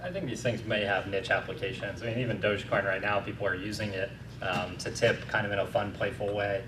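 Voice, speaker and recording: A man explaining his view as a conference panelist, measured with hesitant fillers. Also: fairly low pitch, fairly even intonation. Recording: distant echoey hall with noise.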